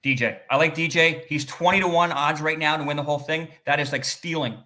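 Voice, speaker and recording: Bright-voiced Canadian man, animated. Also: a little high, a little fast. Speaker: sports researcher. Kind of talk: casual panel chat.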